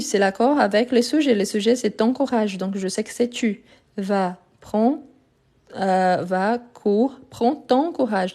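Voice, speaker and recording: Woman, French teacher, warm mellow tone, patient explanations, live phone stream. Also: a little high. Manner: patient, explanatory, repeats key words. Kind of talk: live online grammar lesson.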